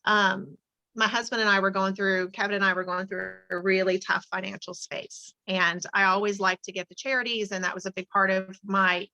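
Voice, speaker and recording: A middle-aged teacher and charity advocate, appearing as an interview guest, tells a personal story in an earnest, emotional way, with many fillers and restarts. Her mid-range voice is pushed and bright, and the recording is dry with poor audio.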